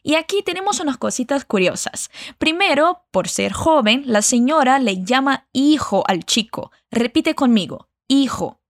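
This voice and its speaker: A woman leads a language lesson, speaking slowly and carefully as she models each phrase. Her voice sits a little high. The sound is dry and close. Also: sing-song, no echo. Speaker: Spanish teacher.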